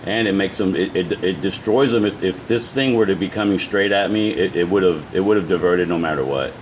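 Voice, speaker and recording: The speaker is an amateur video maker whose voice is very low, talking his viewers through something informally and without a script. His delivery is halting, with repeated words and restarts, over a rough recording carrying a faint steady background noise.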